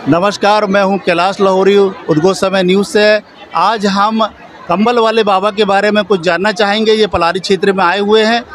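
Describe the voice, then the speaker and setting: A man's voice: high-pitched, level tone, normal speed, a crowd in the background. A man working as a TV reporter, politely interviewing a faith healer at an outdoor camp and prompting him with questions. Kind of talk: field interview. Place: outdoor camp among crowd. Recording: noisy crowded outdoor field recording.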